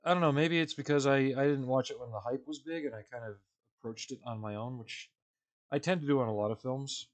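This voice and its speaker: A man live streaming from home while building a model kit, chatting casually with viewers in a rambling, relaxed way with fillers and chuckles. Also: mid-range voice, a little fast.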